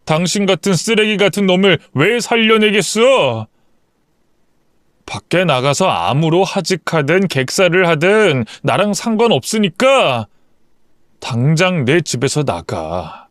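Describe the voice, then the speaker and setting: A man's voice: sits high, very animated, a little slow, a bit bright, no room sound, studio quality, full character voice. A man voicing a bitter young husband who speaks curtly and with contempt, in an audio story. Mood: contemptuous. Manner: curt, contemptuous.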